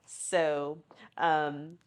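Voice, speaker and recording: A woman's voice: sits low, little pitch movement, extremely slow, clear, resonant tone. A woman with a Southern accent, an inn owner giving a casual tour and telling family history with frequent ums. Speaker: bed and breakfast owner. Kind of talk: casual guided tour interview.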